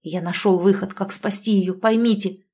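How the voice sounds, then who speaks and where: A woman's voice: mid-range voice, steady tone, moderate pace, dark tone, natural voice. A woman reading the part of a brooding young male officer who pleads urgently.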